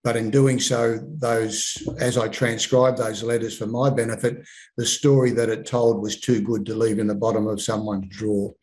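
An Australian man in his sixties, an author, telling stories in a relaxed way with frequent ums and restarts over a video call from his home lounge room. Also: fairly low pitch, moderate pace, rough recording. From Melbourne, Australia. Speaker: author guest. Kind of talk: casual interview. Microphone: video call webcam.

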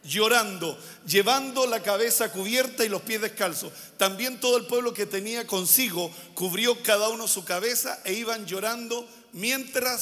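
A male pastor delivers a sermon, circling back to key phrases and posing questions to the congregation. His voice sits high and sounds bright and forceful. The long reverb of a church hall trails behind every word. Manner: preaching with repeated phrases and rhetorical questions.

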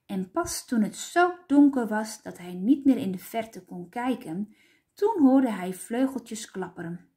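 A woman teacher reading a children's book aloud, unhurried and clear. Her voice is raised and lively, rising and falling expressively through the narration. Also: fairly high pitch.

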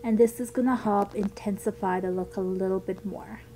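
A young woman with a childlike voice, a beauty vlogger, narrates a makeup tutorial in a chatty, upbeat way, talking about products with plenty of ums. Her voice is warm, steady, and medium-pitched at a normal speed, though the recording quality is low.

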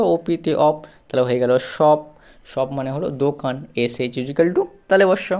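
A teacher giving a pronunciation lesson in a steady, patient voice. Each word is spelled out letter by letter, then repeated to drive the point home. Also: mid-range voice. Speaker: English teacher.

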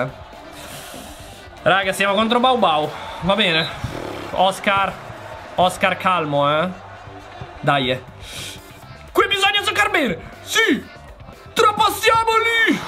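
Excitable gamer yelling at the referee. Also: male voice, a little high. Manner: shouting, exasperated outbursts at the referee. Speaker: gaming youtuber. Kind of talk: excited live game commentary.

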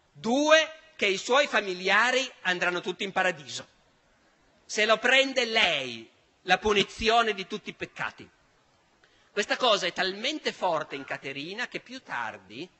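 An older historian from Italy tells a story to a hall, animated and emphatic. His voice sits high and rings sharp and bright. Long reverb from a large hall trails every phrase. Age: 60s. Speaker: historian lecturer. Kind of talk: public history lecture.

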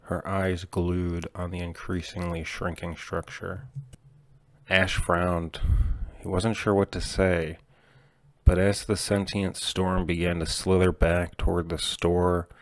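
Slow, deep-voiced male horror narrator. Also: a little mellow, dry recording. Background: faint music.

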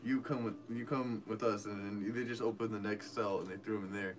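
A man telling a story casually, rambling and halting, with lots of fillers. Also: on the low side, fairly even intonation, background noise.

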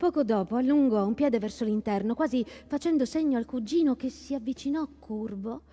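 A woman giving a measured staged reading of a literary story. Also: on the high side, warm tone. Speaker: stage reader.

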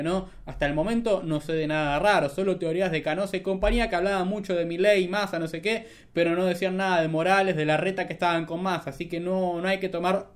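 Young man, Argentine accent, mocking political streamer, high-pitched, desk mic in a small room. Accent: Argentine Spanish. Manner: sarcastic, mocking. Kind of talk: casual commentary.

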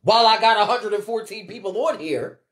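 Speaking fairly quickly in a mid-range voice, this livestream host and ballroom scene commentator delivers an unscripted rant. She's blunt and emphatic, cursing liberally, leaning on heavy slang, and repeating phrases to drive her points in.

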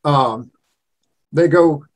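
An older man in his eighties from Louisiana talks in a loose, rambling way. His voice sits a touch high for a man, and he tells his stories as a guest in a casual chat. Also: drawn-out words. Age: 80s. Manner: rambling storyteller, slips into regional imitations. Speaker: cookbook author and guest.

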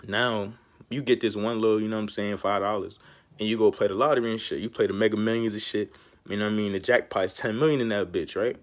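A man's voice: on the low side, steady tone, fast. A young man talking casually to camera, rambling and slangy, giving street-style life advice and constantly saying "bro". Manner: slangy and rambling, peppered with "bro" and "you know what I'm saying". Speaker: vlogger.

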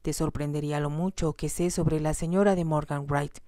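A woman's voice: low voice, steady tone, moderate pace, warm tone, no echo, clean studio sound, close to an everyday voice. A woman reading aloud, voicing a reserved husband who speaks curtly and presses for answers. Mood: teasing. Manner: demanding, curt. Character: reserved, probing husband, man.

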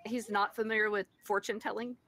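A woman with a medium-pitched voice takes part in a tabletop role-playing game. She talks casually and a little hesitantly as she works out her character's moves. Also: little pitch movement, a little fast, fairly bright tone, dry recording.

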